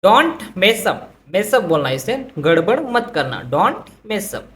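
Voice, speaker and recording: A woman teaching English vocabulary who says each phrase slowly twice and then explains it in Hindi. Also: medium pitch, big pitch swings, slight background noise. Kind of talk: vocabulary lesson.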